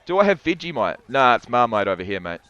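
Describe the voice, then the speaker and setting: Chatty bright-voiced New Zealand man streaming. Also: mid-range voice, sing-song, fast, clean tone, muffled recording, soft background music. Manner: rambling, chatty, restarts often. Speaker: livestream commentator. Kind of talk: casual play-by-play and chat reading.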